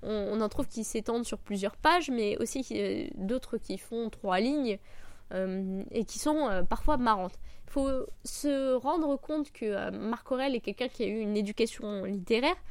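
Slightly hoarse, high-voiced woman podcast host. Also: darkish tone, no room sound. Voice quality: slightly gravelly, cracked voice. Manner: hesitant, searching for words, self-deprecating. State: sick, slightly broken hoarse voice. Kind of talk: informal book review podcast, unscripted talk.

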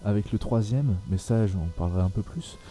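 A young man with a low, very dark and mellow voice talks through a film in casual podcast chat. He stops often on fillers and starts his sentences over. Faint music sits under his voice. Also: fairly quick. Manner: hesitant, many fillers and restarts. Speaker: podcast host.

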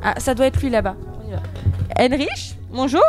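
A woman's voice: high-pitched, lively intonation, normal speed, a little mellow, faint music behind. A woman taking part as a player in a live mystery game, talking in a bubbly, eager way. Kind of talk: casual play.

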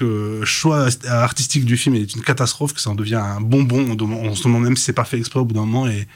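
A man who works as a voice actor, chatting in an interview and telling stories with enthusiasm. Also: medium pitch. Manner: rapid, enthusiastic storytelling. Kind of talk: casual interview chat.

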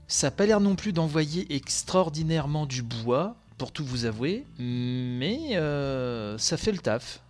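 A man hosting a video game news show from home, commenting live on trailers in a casual, excited, slangy way. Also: mid-range voice.

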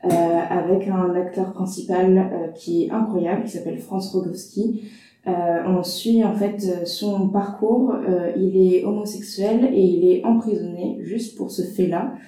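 A woman's voice: lowish voice, steady tone, unhurried, dark tone, heavy reverb, distant mic, low-quality recording. A woman reviewing films in a casual panel discussion, hesitant with many fillers. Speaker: film critic panelist.

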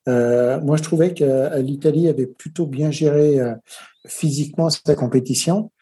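Male pundit, mellow and a bit husky, halting tactical chat. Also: fairly high pitch. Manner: hesitant, many filler sounds. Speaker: football co-commentator. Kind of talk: casual match commentary.

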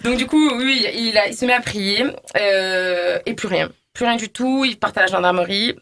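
A woman's voice: mid-range voice, moderate pace, fairly bright tone, a little hiss or hum. A woman telling a ghost story on a radio show, hesitant, with many fillers. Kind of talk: casual storytelling. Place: radio studio.

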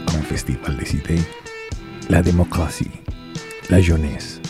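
A man's voice: low voice, steady tone, unhurried. A man announcing a podcast intro in a punchy, scripted delivery. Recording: guitar music under the voice.

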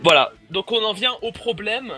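A man's voice: sits high, expressive, normal speed, bright, forceful tone, faint music behind. A young man co-hosting a casual gaming podcast, enthusiastic and joking, rambling through the news with fillers. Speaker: podcast co-host presenting game news.

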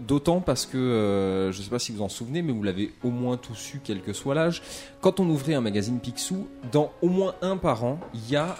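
A man's voice: medium pitch, lively intonation, moderate pace, darkish tone. Enthusiastic male co-host, chatty, faint background music. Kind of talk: enthusiastic casual chat.

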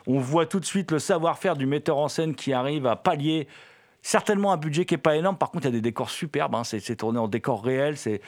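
A man's voice: on the high side, fast. Hesitant, enthusiastic male film reviewer. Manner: hesitant, many fillers and repeated words. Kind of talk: casual spoken film review.

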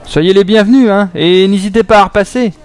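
A man voicing a loud, gruff male bar owner in an audio drama, shouting in exasperation. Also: high voice, fairly even intonation, fairly quick, pitched above the performer's own voice, close to an everyday voice. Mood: sarcastic.

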